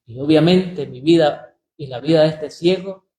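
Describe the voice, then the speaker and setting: A priest giving a sermon, speaking deliberately, repeating phrases and slowing down on key words for emphasis. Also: male voice, on the high side, dark tone. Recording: roomy echo.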